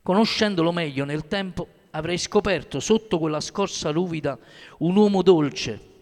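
A man reads a first-person story aloud, measured and steady. His voice sits high for a man. The recording carries a long reverb, as in a large hall.

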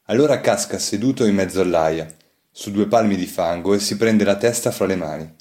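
A man reading a literary novel aloud as an audiobook, in a measured first-person storytelling voice. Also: fairly low pitch, darkish tone. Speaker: audiobook narrator.

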